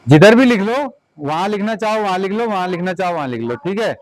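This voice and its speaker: High-voiced male teacher directing a class. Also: animated, fast talker, dry recording, low-quality recording. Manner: directive, repeats short commands. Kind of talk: classroom instruction to children.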